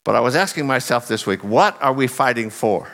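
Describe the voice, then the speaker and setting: Expressive and brisk, a middle-aged man preaches a sermon in earnest, giving key phrases strong emphasis. Loud singing beforehand has made his voice a little husky and lower.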